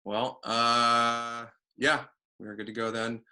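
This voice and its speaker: A man hosting a podcast interview, relaxed, asking questions with short encouraging replies. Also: medium pitch, slow pace. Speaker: podcast host. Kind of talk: casual interview chat.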